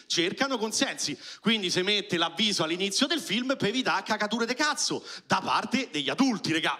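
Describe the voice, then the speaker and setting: Uomo acuto e squillante con romano. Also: male voice, high voice. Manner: animated, shouts punchlines, acts out quoted voices. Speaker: stand-up comedian. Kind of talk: stand-up comedy routine. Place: comedy club stage with live audience.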